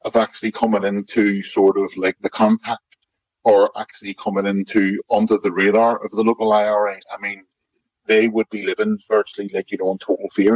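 A man's voice: a little mellow, breathy edge, no echo. A man from West in his fifties, speaking as a remote interview guest through a voice-altering disguise, rambling and padding with "like, you know". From Northern Ireland, West Belfast. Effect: voice altered to disguise identity, deep and muffled. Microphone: remote secure connection. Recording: lo-fi disguised call audio.

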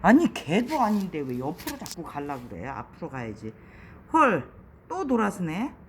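A woman's voice: low-pitched, huge pitch swings, normal speed, a little mellow. A woman vlogging outdoors, coaxing and scolding a beetle to walk away, recorded on a handheld phone with noise behind her. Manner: exasperated, coaxing, talking to an insect. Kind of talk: casual vlog talk to a beetle.

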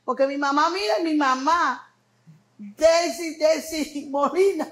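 A Dominican woman with a Dominican Spanish accent speaks high and slowly as an interview guest, telling stories expressively with laughter and acted-out quotes in an animated chat. The recording is rough.

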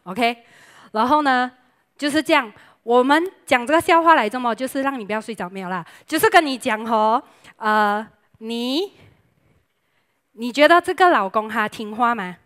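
A young woman preacher delivers a lively, joking sermon. Her voice sits a little high, and she talks in a chatty, playful way, mixing English words into her speech. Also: normal speed, clear, resonant tone.

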